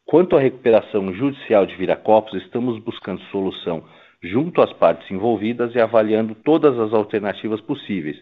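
Brazilian man, corporate finance executive. Lowish voice, formal scripted results presentation over a tinny phone line. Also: lively intonation, a little fast. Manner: formal, businesslike. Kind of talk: prepared earnings call presentation. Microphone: telephone conference call.

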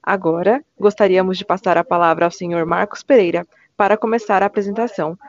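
A woman's voice: on the low side, steady tone, quick pace. A woman with a Brazilian accent reads a scripted announcement as a conference call operator, in a formal, polite customer service voice. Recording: dull, lo-fi phone conference line.

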